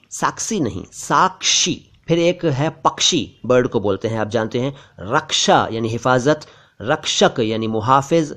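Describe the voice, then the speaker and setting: A middle-aged man teaches pronunciation with a voice of ordinary pitch. He says each word slowly and carefully, then repeats it to set the right sound apart from a common mistake. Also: a bit bright. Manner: slow, careful, repeats words to correct them. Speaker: language teacher. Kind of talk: pronunciation lesson.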